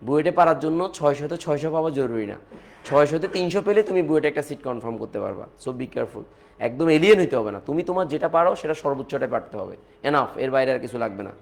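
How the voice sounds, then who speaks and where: A man's voice: fairly high pitch, lively intonation, vocal fry. A man with a Bangladeshi accent teaching a chemistry lecture, repeating key points and mixing in English phrases. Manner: fast, repetitive teaching talk with English mixed in.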